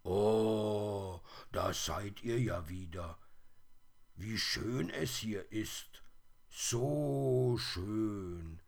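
A man's voice: low-pitched, big pitch swings, very slow, fairly bright tone, husky, full character voice. A man voicing a curious little bear cub. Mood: delighted.

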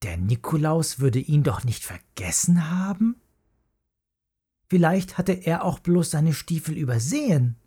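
Slow, husky, lively storybook narrator. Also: medium pitch. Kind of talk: storybook reading.

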